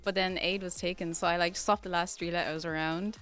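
A woman's voice: on the low side, steady tone, brisk, fairly bright tone, clear, resonant tone, soft background music. A woman musician chatting casually and informally as a guest in an interview. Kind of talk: casual chat.

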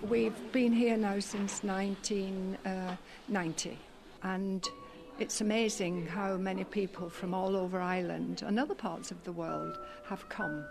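A woman's voice: medium pitch, fairly even intonation, measured pace, vocal fry, few pauses, music in the background. A woman being interviewed, speaking about her own experience.

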